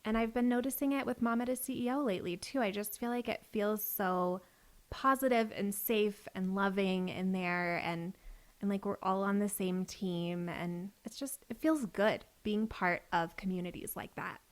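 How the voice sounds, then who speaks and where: Speaking at a moderate pace in a medium-pitched voice, a woman in her thirties hosts a podcast and has a casual conversation with her guest. She works as a business coach, and her chatty talk is full of "like."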